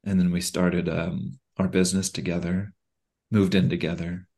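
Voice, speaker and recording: A man with a deep, low-pitched voice in a relaxed podcast conversation. He speaks candidly and reflectively, pausing often with fillers and restarting his sentences. He sounds thoughtful and unhurried. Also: gravelly. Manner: halting, frequent fillers and restarts.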